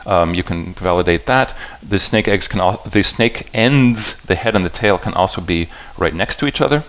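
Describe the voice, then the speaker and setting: A man's low, slightly bright voice, recorded with a little hiss or hum, explains puzzle patterns to a live audience. He repeatedly halts to restart and rephrase, and he checks in with listeners through direct questions.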